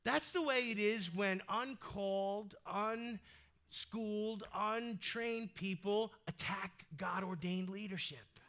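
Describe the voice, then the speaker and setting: High bright-voiced male preacher. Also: slow. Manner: conversational, energetic preaching with sudden loud exhortations. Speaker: pastor. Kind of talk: sermon.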